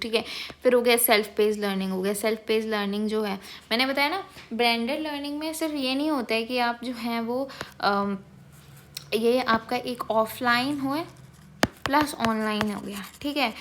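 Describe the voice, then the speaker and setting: A young woman teacher giving an online exam-prep lecture. She reads English definitions slowly, then explains them quickly and conversationally, checking in often. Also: on the high side, slight background noise. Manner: fast-talking, checks in with frequent "okay".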